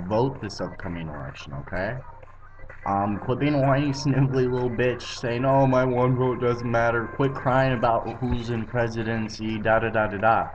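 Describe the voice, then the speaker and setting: A man's voice: mid-range voice, a little hiss or hum. A young man from Arizona vlogging, bluntly lecturing viewers with plenty of swearing. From Arizona, USA. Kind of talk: opinionated political rant. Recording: dull lo-fi webcam audio.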